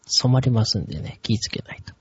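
A man's voice: mid-range voice, expressive, quick pace, breathy edge, no room sound, whispered. A man with a Kansai Japanese accent co-hosting a casual podcast chat, easygoing and explaining things. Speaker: podcast co-host. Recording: dull, dry lo-fi recording.

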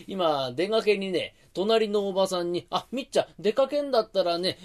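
A man voicing a slow-witted, hard-of-hearing young tenement dweller, dopey and evasive. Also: sits high, expressive, a little mellow. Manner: dopey, evasive, drawn-out replies.

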